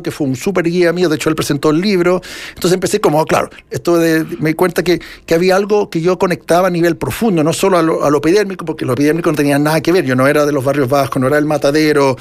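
A middle-aged man with a Chilean accent, an author answering interview questions in a rambling, reflective way full of restarts. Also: fairly high pitch. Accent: Chilean Spanish. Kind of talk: casual interview conversation.

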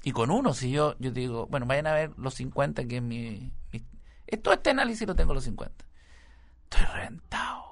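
A middle-aged man with a Chilean accent telling a rambling comic story about being a father, full of slang and loud acted-out voices. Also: fairly high pitch, no echo. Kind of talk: stand-up storytelling monologue.

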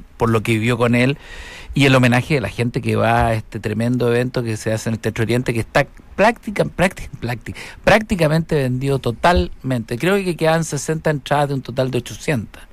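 A man's voice: mid-range voice, a little fast. A man with a Chilean accent hosting a casual, comedic radio chat, playful and joking. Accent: Chilean Spanish. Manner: playful, joking, breaks into loud mock shouts.

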